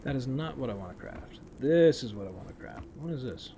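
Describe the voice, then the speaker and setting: A man's voice: medium pitch, lively intonation, fairly quick, gravelly, warm tone, slight background noise. A man casually narrating his own gameplay as a streamer, talking to himself with wry, sarcastic asides.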